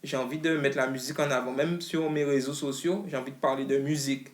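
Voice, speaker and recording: A man's voice: medium pitch, steady tone, fast talker. A man, a rapper talking as an interview guest in a loose, slangy way full of restarts. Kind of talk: casual interview chat. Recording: roomy echo.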